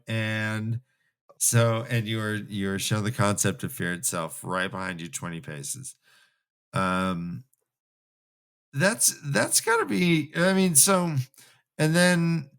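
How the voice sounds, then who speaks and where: A fantasy book re-read podcast co-host talks casually and wanders imaginatively through the books. His voice is on the low side with a fairly bright tone.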